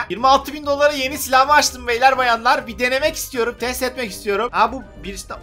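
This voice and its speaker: A young-sounding gaming YouTuber with a high, bright voice delivers fast, lively gameplay commentary packed with excitable teasing and trash talk. He's at a desk setup indoors, with faint music playing in the background.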